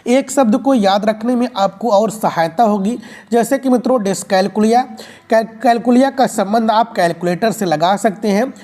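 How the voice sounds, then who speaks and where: A woman's voice: medium pitch, darkish tone. A woman giving an explanatory video lecture for exam preparation, repeating key points and calling her viewers friends. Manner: repetitive, drilling explanations with frequent "friends" address. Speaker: exam-prep teacher.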